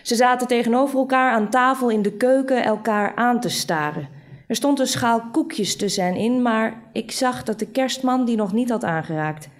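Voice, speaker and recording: A woman reading a literary short story aloud in a measured, dry storytelling manner. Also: a little high. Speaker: reader.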